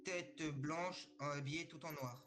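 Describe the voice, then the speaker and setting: A man's voice: fairly high pitch, a little slow, a bit bright. A young man joking around and giggling while playing a co-op game with a friend. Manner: giggly, playful. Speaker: co-op gaming partner. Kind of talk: casual gameplay chat.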